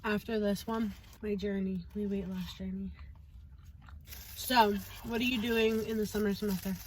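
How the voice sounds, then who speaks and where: A young woman hosting a relaxed eating vlog from a parked car, chatty and giggly. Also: mid-range voice, normal speed, slight background noise, poor audio. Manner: laid-back, giggly, chatty. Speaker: vlogger host. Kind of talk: casual chat while eating. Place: parked car in a parking lot.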